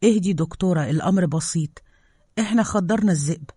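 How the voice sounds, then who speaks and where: A woman with an Egyptian accent voicing a calm male scientist who dismisses concerns. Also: fairly low pitch, fast, husky, no room sound, clean studio sound. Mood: dismissive. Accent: Egyptian Arabic.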